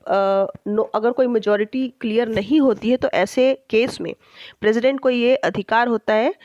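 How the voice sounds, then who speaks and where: Woman teacher, slow deliberate explaining. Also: on the high side, a little mellow, no echo, highs cut off. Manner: slow, deliberate reading of English lines, with frequent check-ins. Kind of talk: explaining a textbook chapter in Hindi-English mix.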